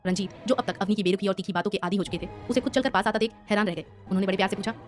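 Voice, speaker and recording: Fast-reading woman storyteller. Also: mid-range voice. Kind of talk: scripted story narration. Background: background music.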